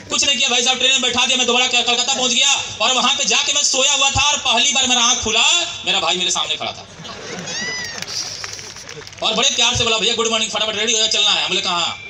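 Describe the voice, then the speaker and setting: A man's voice: extremely high pitch, fast talker, long pauses, slight background noise. A man giving a storytelling motivational speech to a live audience in a hall, acting out quoted dialogue and calling out to the crowd. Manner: animated, acts out quoted dialogue, calls out to the crowd. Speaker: motivational speaker at a sales meeting.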